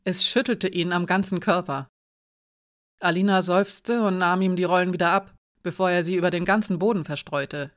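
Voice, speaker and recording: Frau liest ruhig eine Geschichte vor. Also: female voice, on the low side, fairly even intonation, moderate pace. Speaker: audiobook narrator. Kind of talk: scripted narration.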